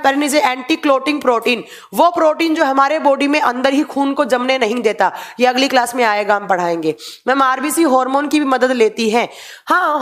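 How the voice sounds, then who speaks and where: Young woman, live-class teacher, higher pitch, easy explaining tone while answering questions from chat. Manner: explains in mixed Hindi and English, reads viewer comments aloud.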